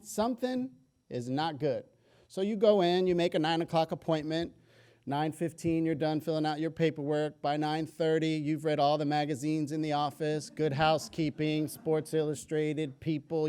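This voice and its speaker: A man giving a public talk to an audience, telling stories with jokes in an energetic way. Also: a little high, smooth. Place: lecture hall.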